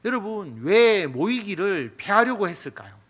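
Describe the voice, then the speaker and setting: A male pastor preaching a sermon in a church, making emphatic appeals and letting his sentence ends trail off softly. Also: high-pitched, very animated, moderate pace. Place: church sanctuary.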